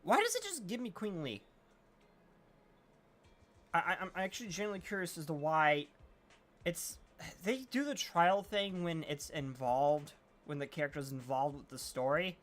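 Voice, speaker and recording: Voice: mid-range voice, expressive, moderate pace. A streamer giving casual, wry gameplay commentary and talking back to the game.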